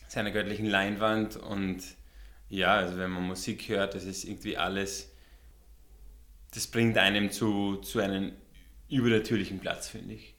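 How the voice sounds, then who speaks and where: A man's voice: low voice, fairly bright tone, roomy sound. A man in his thirties with an Austrian German accent tinged by American English, talking easily as a guest, often repeating words and laughing. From Austria and the USA. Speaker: guest, visual artist. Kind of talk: relaxed interview conversation.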